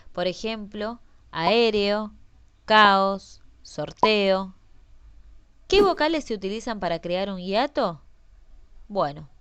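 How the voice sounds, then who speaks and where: A woman teaching a Spanish grammar lesson, explaining slowly and carefully and stressing each example word. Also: medium pitch, noisy background.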